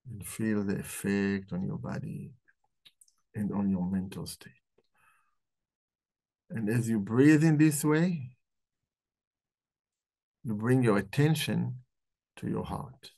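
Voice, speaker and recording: A man hosting a live book club, talking about the book and then slowly leading a guided meditation in a soft, calm voice. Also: on the low side, vocal fry. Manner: slow, soft-spoken guiding voice. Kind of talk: live talk.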